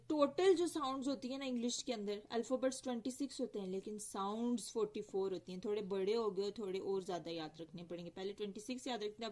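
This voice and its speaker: A young woman lecturing on phonetics. She explains step by step, mixes Hindi-Urdu with English, and often corrects herself. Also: fairly high pitch. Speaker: teacher.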